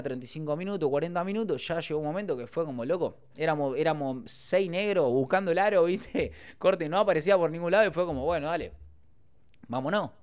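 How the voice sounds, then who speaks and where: A man's voice: on the high side, clean tone. A young Argentine man telling a casual story as a podcast host, slangy and rambling with frequent filler tags. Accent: Argentine Spanish.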